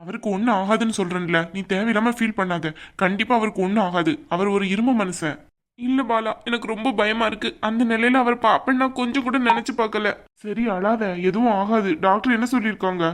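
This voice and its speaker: A woman voicing a calm, patient young husband in a cartoon, soothing and reasoning. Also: medium pitch, fairly quick, close to an everyday voice.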